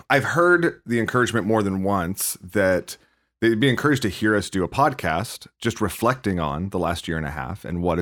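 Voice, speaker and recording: A man with a Californian accent hosting a church podcast as a pastor, talking in a rambling, halting way full of fillers and restarts. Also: low-pitched, fairly bright tone. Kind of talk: casual chat.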